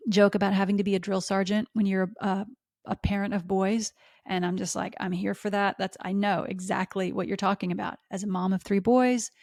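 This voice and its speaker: A middle-aged woman hosting a podcast, talking smoothly and melodically as she coaches listeners through exercises. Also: mid-range voice, a little mellow, no echo, clean studio sound. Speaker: podcast host. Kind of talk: instructional podcast talk.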